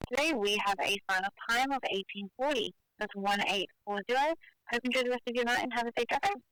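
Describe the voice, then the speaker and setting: A woman's voice: a little high, fast talker, fairly bright tone, clean tone, poor audio. A woman working as a radio operator, giving a formal sign-off announcement.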